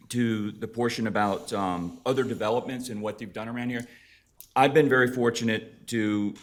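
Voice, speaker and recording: A man with a low voice presents at a county council hearing. He talks briskly and persuasively about past developments.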